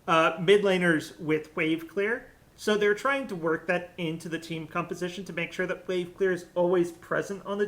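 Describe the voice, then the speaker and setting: Bright-voiced young male esports caster. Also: high-pitched. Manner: chatty, jokey, thinks aloud. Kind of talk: solo esports draft commentary.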